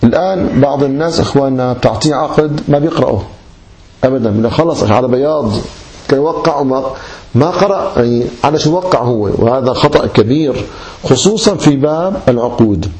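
A man's voice: medium pitch, animated, fast, a little mellow. A man teaching Islamic law in a classroom lecture, calling his listeners brothers and asking and answering his own questions.

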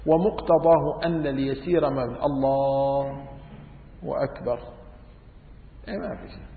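A man's voice: mid-range voice, unhurried, slight background noise. Man teaching in an echoey hall. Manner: lively, demonstrative, wry asides. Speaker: teacher of Islamic law. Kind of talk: religious lesson. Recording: tinny phone-like sound in echoey hall.

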